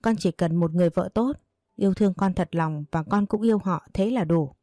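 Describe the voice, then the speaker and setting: A woman's voice: lowish voice, fairly quick, dark tone, dry recording, clean studio sound, lightly acted. A woman voicing a young man who firmly and earnestly stands up to his mother. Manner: firm, pleading and earnest.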